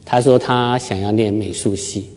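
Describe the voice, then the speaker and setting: A man's voice: fairly low pitch, fairly even intonation, normal speed, a little mellow. Self-mocking man telling a story to a crowd. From Taiwan. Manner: self-deprecating, humorous storytelling. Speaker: speaker giving a talk. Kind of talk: storytelling public talk. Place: lecture hall with live audience.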